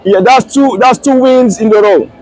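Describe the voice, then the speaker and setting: A high-pitched male interviewer questions football fans in a casual style. His delivery is halting, and he often starts a question again. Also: darkish tone, rough recording.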